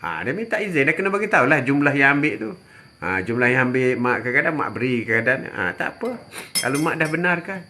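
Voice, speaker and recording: An older man from Malaysia giving religious advice on a live stream, answering viewers in a chatty way, repeating phrases and often dropping a quick "ha". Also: medium pitch, very animated, sharp tone. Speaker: religious teacher.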